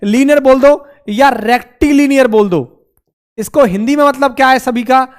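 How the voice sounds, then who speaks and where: A man's voice: very high-pitched, moderate pace. A man teaching a physics lesson, repeating terms and asking questions he answers himself. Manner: repetitive, calls students beta and mere bhai. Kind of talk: classroom lecture.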